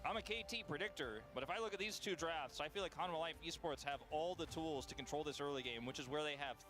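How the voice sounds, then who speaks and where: A man's voice: fairly high pitch, quick pace, a bit bright, soft background music. A man commentating a professional esports match, explaining rules at length with playful asides. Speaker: esports caster. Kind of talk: play-by-play commentary.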